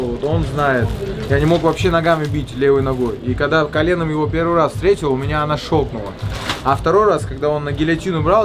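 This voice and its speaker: A man, a fighter, talking casually and colloquially in short bursts in an interview. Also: fairly high pitch. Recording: noisy crowd behind voice.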